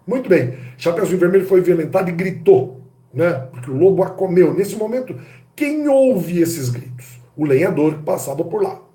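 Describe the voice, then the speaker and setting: Male lecturer, Brazilian Portuguese accent, slightly high, warm tone, theatrical questioning style, echoey room. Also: moderate pace. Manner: rhetorical questions to the audience, lively and theatrical. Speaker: teacher.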